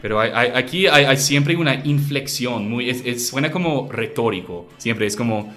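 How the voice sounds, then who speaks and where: A man's voice: medium pitch, animated, normal speed, fairly bright tone, soft background music. A man who is not a native Spanish speaker talks in a casual conversation with a foreign accent, thoughtful and often restarting his words. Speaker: conversation partner.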